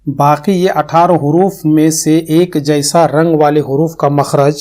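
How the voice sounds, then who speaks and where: Earnest Urdu-accented male teacher, slightly high. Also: steady tone, darkish tone. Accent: Pakistani Urdu. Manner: earnest, explanatory, repeats terms for emphasis. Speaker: Quran tajweed teacher. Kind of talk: recorded online lecture.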